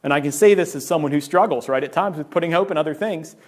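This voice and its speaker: Speaking fast, a middle-aged male pastor delivers a church sermon in a conversational style, often checking in with "right?" His voice runs a little higher than the typical man's, and at times he jumps abruptly high in pitch to act out a worried inner voice.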